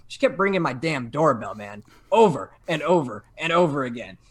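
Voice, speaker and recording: A young man telling a story in casual chat, animated and full of fillers and restarts. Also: fairly high pitch, normal speed, slightly rough. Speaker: podcast guest telling a story.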